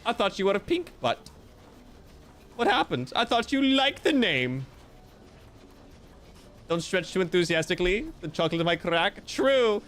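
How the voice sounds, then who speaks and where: This streamer's voice sits high and fairly bright, very animated but a little slow, with frequent pauses. Chatting casually on a livestream, he reads viewer comments aloud in a theatrical, joking way, hamming up a mock-grand persona.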